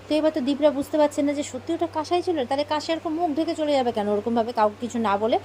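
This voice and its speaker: Fast-talking woman retelling a serial. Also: sits high, mellow, a little hiss or hum, rough recording. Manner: brisk retelling, voicing characters' quoted lines. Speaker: serial recap narrator. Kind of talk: casual retelling of a TV serial episode.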